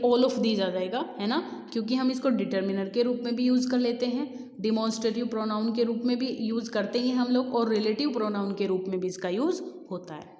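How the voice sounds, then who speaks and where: Woman exam tutor, bilingual Hindi-English, patient step-by-step explanations, fairly high voice, roomy reverberant sound. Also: a little mellow. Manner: explains answers step by step, mixing Hindi and English, fixes typos aloud. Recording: echoey room with long reverb.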